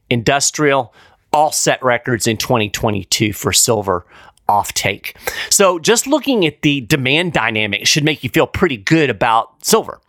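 A man's voice: on the high side, a bit bright, no echo, clean studio sound. A man hosting a weekly precious-metals show, explaining figures in a casual, conversational way with frequent fillers. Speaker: podcast host. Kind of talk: casual market commentary.

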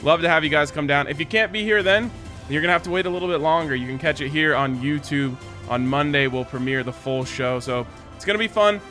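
Bright, forceful man hosting a sports panel. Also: a little high, fairly quick, faint music behind. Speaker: host and panel moderator. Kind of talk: casual sports panel talk.

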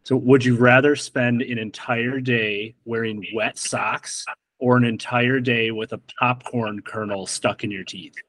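A man's voice: mid-range voice, steady tone, unhurried, a bit bright, rough recording. Playful joking man co-hosting a podcast. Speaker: podcast co-host. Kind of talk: casual interview chat.

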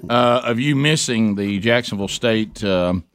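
A man hosting a radio show in a casual, halting, conversational way. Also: fairly low pitch, clear, resonant tone, no echo.

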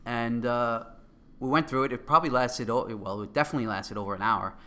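A middle-aged man with a Queens, New York accent, casually telling an anecdote in an animated, excitable way. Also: medium pitch, fairly quick. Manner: animated, excitable storytelling with acted-out quotes. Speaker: guest, company co-founder.

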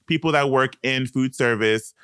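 A man's voice: mid-range voice, normal speed, a bit bright, smooth, no room sound, clean studio sound. A man co-hosting a podcast, airing opinions in a casual, filler-heavy chat. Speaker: podcast co-host.

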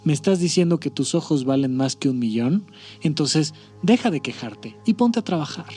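A man's voice: a little high, animated, normal speed, warm tone, husky, soft background music. A man voicing God as blunt, casual and matter-of-fact, in a spoken story. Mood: offhand. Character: blunt, offhand male God.

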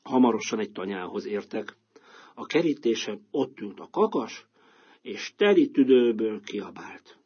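Husky man telling a bedtime tale. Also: on the low side. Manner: expressive, lively storytelling. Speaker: storyteller. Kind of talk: children's storybook narration. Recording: dull lo-fi recording.

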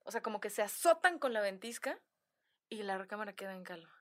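A woman's voice: mid-range voice, animated, quick pace, a bit bright. A Mexican woman telling a family story on a casual podcast, acting out relatives' lines and laughing often. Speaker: guest storyteller.

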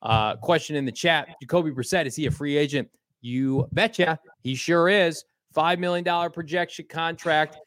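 A man's voice: fairly high pitch, fairly even intonation, moderate pace, a bit bright, no echo, studio quality. A man co-hosting a live sports podcast, chatting casually in an upbeat, folksy way. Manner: upbeat, folksy sign-offs. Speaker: podcast co-host.

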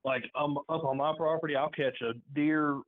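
A man's voice: a little high, fairly even intonation, normal speed. A man from Virginia calling in to a show over a phone line, chatting in a casual, hesitant way. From Virginia, United States. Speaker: phone-in caller. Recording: narrow, tinny phone line.

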